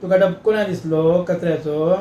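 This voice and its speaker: A man's voice: sits high, steady tone, normal speed, mellow, echoey room, highs cut off, slight background noise, lightly acted. A man voicing an indignant chawl resident who protests his innocence. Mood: protesting. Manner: protesting, defensive.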